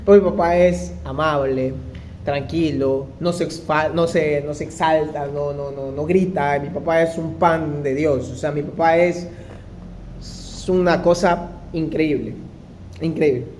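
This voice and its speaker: A young man with a high, mellow voice tells a personal story from his own life. He keeps it animated and slips into the voices of the people he quotes. A faint hum sits under the recording. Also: measured pace. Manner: animated, acts out quoted dialogue. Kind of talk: first-person anecdotal monologue.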